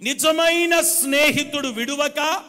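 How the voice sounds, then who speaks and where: A male pastor preaching a sermon, calling on the congregation to answer aloud and swinging between loud declarations and hushed questions. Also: very high voice, slow pace, in a large hall. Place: church service.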